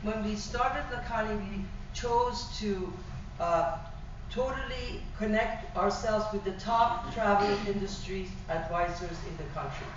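A middle-aged woman from Iran with a Persian accent, giving an animated sales presentation about private travel to a small audience. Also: medium pitch, unhurried, noisy background. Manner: animated, gesturing, with frequent fillers and restarts. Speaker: tour operator presenter. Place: small function room. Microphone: far room camera. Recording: distant, echoey, dull room recording.

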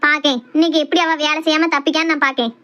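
A bossy older mother-in-law, put on by a woman, grumbling and scolding in thick Kanyakumari Tamil. She talks fast, and her voice sits a little lower than the playful skit voices around her. She is a scheming comedy-skit character. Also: fairly even intonation, a bit bright, lo-fi sound.

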